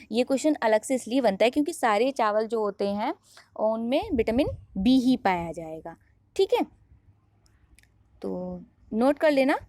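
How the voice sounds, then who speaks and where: Lady teaching bio, quizzes herself, highish voice, dry close sound. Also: a little mellow, no echo. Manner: repeats questions and answers them herself, drills terms. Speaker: biology teacher. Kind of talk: online lesson.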